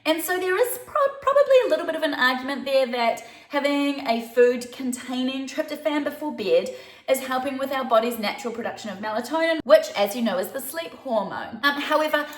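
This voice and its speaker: Chatty high-voiced New Zealand woman. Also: animated, brisk. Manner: chatty and conversational, with light laughs. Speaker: baby sleep consultant. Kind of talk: casual advice talk to camera. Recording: roomy echo.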